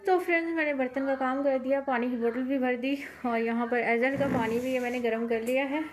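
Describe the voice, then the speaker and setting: A woman's voice: sits high, steady tone, fairly quick, crowd noise. A woman filming a casual home vlog, a mother chatting to viewers and to her children, sometimes scolding them, recorded on a phone at home at night. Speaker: family vlogger, mother.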